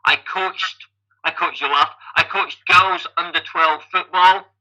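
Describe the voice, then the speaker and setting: On a rough recording, a Scottish interview guest in his fifties, an athlete and coach, takes his story slowly in a steady tone. His slightly high voice is very bright and forward, and he chattily restarts sentences, repeating the first word each time.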